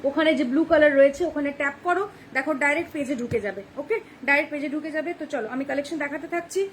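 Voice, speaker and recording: Fast-talking high-voiced young woman. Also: slight background noise. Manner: fast, chatty, keeps checking "ঠিক আছে?". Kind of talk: live-stream sales pitch. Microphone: phone camera.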